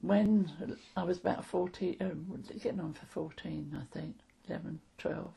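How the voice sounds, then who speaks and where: This is an old woman in her eighties with a London accent. Her voice is heavily creaky and husky, with a soft, dark tone. She talks casually about the past in a plain, matter-of-fact way. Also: on the low side, fairly even intonation, normal speed. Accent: London English. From London, England. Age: 80s. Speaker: interviewee. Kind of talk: casual reminiscence of wartime childhood.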